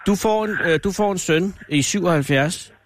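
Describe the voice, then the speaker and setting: A man's voice: high-pitched, slight background noise. Chatty radio host in his fifties. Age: 50s. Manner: chatty, teasing, curious. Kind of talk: casual phone interview.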